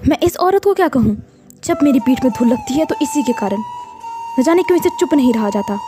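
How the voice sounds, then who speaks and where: A woman's voice: high voice, animated, a little fast, music in the background, voice pushed up. A woman voicing a weary middle-aged farmer who speaks sternly and scolds.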